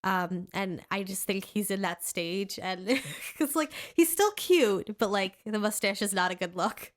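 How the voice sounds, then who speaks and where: In a mid-range, unhurried voice, a congested-sounding woman rambles through casual chat as a podcast co-host, with many fillers and false starts.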